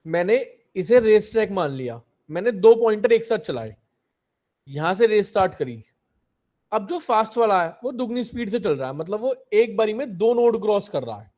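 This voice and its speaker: Young male tutor, high-pitched, patient step-by-step explainer checking in with students. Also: sing-song, normal speed, a little mellow. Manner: explains step by step, keeps asking if students understood. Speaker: coding teacher. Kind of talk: live online coding class.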